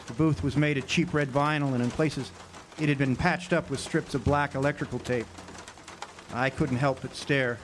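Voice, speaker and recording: A male actor with a natural, steady, mid-range voice plays a world-weary drifter, narrating and voicing dialogue in a noir-style radio drama at a moderate pace, wry, reflective and hesitant. It was recorded live on an outdoor amphitheater stage, noisy and with birdsong.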